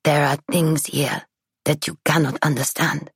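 A stern, proud old French woman, as a female reader puts her on, her rasping voice sitting low and dropping to a hush. She gives her warnings in short, grave phrases, at an unhurried pace, close and dry as an audiobook. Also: level tone, no echo, heavily acted. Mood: ominous hushed.

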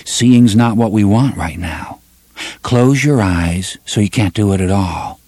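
A calm, soothing young man, as the narrator plays him, speaking low and slowly with a husky grain. The voice stays even and gentle throughout, recorded close and dry. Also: no echo.

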